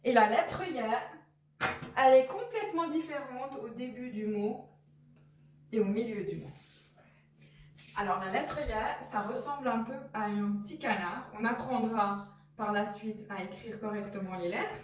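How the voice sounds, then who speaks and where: A woman explains a reading lesson at a slow, patient pace, repeating each sound with examples. Her voice sits fairly high. She sounds set back from the mic in an echoey room. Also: far from the mic. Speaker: Arabic reading teacher.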